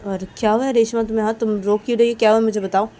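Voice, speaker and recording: Woman doing a loud, pushy young woman. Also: on the high side, flat delivery, rapid-fire, a little hiss or hum, pitched above the performer's own voice, natural voice. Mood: insistent. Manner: loud, insistent, repeating questions.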